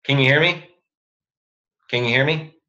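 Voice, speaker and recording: A man's voice: mid-range voice, normal speed, bright, forceful tone. Man, host, video call, glitching audio cutting in and out, muffled lo-fi sound. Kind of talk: casual video call chat. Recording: dull lo-fi internet call audio.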